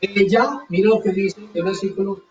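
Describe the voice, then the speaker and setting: A man's voice: high-pitched, fairly even intonation, moderate pace, recorded from a distance, soft background music. A man preaching a sermon with fervor, hammering his points by repeating them. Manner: fervent, repeats phrases for emphasis. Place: church hall. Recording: dull echoey church sound from afar.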